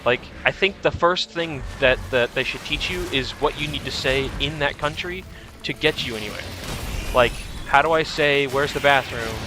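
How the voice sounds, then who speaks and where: A man's voice: mid-range voice, normal speed, background noise. A young man streaming a video game, chatting in a rambling, easygoing way with lots of restarts. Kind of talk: casual chat while streaming a game.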